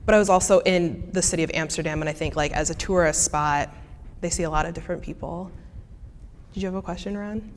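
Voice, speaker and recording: Speaking quickly and on the low side, a young woman with a Midwestern American accent responds to questions from the audience after giving a student talk. Her style is casual, with frequent fillers and restarts. The lecture hall echoes, and a little hiss or hum sits under the recording.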